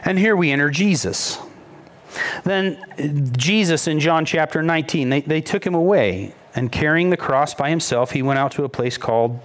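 A man preaching a sermon as pastor, retelling a scripture story with lively, mocking quoted voices. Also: normal speed. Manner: storytelling, rises in pitch when quoting mockery.

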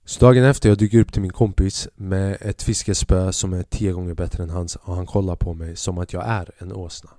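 A man's voice: low-pitched, fairly even intonation, hardly any pauses, warm tone, dry recording, clean studio sound. A man hosting a podcast who tells a comic story in a casual, slangy style, often swearing. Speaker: podcast host.

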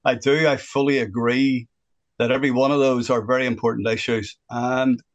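A man in his sixties from Northern Ireland, speaking with that region's accent, calls in as a guest on a phone-in radio chat. His voice is medium-pitched and level at a normal speed, with the highs cut off, as he talks earnestly and at length about what bothers him.

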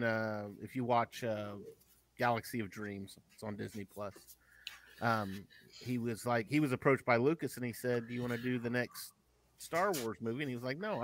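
A man's voice: mid-range voice, a bit bright. Laid-back man, faint hiss behind. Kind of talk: casual chat.

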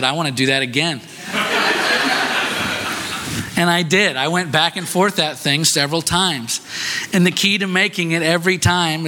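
A pastor in a church preaches a sermon, sharing a personal story conversationally and self-deprecatingly and frequently checking in with "right?" His fairly high voice is pushed and bright, with a little hiss or hum.

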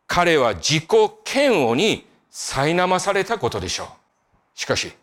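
A man preaching a sermon as a pastor, telling a story with lively emphasis that sinks to quiet, soft endings. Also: fairly high pitch.

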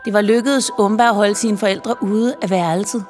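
A woman narrating a children's Christmas story in a lively, playful storytelling manner. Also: mid-range voice. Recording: reverberant with faint music.

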